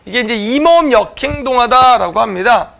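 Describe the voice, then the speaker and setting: A man's voice: very high voice, expressive, normal speed, creaky, pushed and bright. A man teaching an online exam-prep lecture, explaining answers to viewers with frequent filler sounds.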